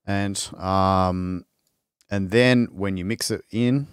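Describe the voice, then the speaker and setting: Low-voiced man demoing music software. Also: steady tone, slow, smooth. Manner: loose and rambling, with restarts while working. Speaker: music producer demonstrating a sample library. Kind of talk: casual live-stream demo.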